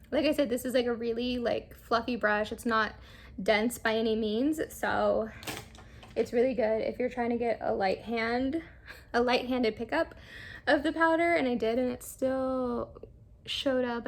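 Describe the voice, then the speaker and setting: A woman's voice: on the high side, gravelly. A young woman chatting casually through a makeup try-on, rambling with lots of fillers. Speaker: beauty vlogger.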